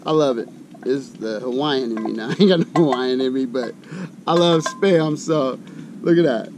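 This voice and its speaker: A middle-aged American outdoor cooking channel host talks over music at a moderate pace while demonstrating camp cooking. He chats in a colloquial, folksy way, thinking aloud, in an outdoor recording with loud rumble.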